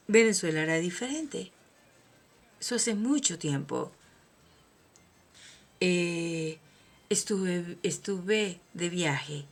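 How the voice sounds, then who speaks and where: Speaking with the accent of her native Colombia, this woman hosts a motivational talk drawn from her own life. She preaches with emphasis, her fairly low voice shifting from quiet asides to booming proclamations.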